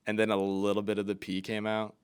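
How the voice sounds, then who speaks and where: A man's voice: lowish voice, monotone, brisk, clear, resonant tone. A man in his twenties hosting a comedy podcast, telling stories in casual chat and laughing often. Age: 20s. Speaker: podcast host.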